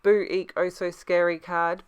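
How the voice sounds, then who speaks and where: A woman's voice: lowish voice, little pitch movement, unhurried, smooth. A middle-aged woman with a slight lisp from braces and a sore mouth, giving a casual craft tutorial voice-over. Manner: talks with a sore mouth from newly adjusted braces. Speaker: scrapbooker narrating her process.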